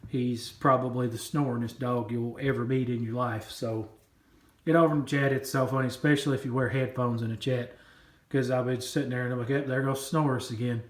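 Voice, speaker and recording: Fairly quick and steady in tone, this medium-pitched coin collecting vlogger rambles through an unboxing chat and keeps repeating himself. The sound is roomy.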